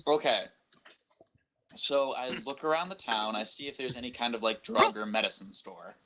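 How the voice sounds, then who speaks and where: A man playing in a tabletop game, trading jokes and deadpan declarations. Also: mid-range voice, moderate pace, slight background noise, poor audio. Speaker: player. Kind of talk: casual tabletop game chat.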